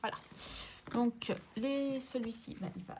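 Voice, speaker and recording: A woman's voice: on the high side, steady tone, a little slow, background noise. A woman vlogging about her budget envelopes, chatting casually and playfully scolding herself as she sorts things. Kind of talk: casual chat while sorting envelopes.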